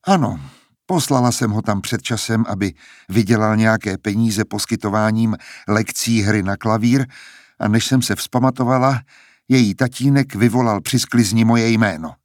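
A man's voice: lowish voice, dry recording, studio quality, close to an everyday voice. A man voicing a defiant, blunt young woman in an audiobook reading. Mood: explaining. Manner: firm, blunt. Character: defiant young woman singer, sharp-tongued.

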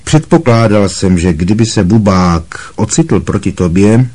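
A man voicing a kind, wry middle-aged male wizard teacher who speaks calmly and with gentle amusement. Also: fairly low pitch.

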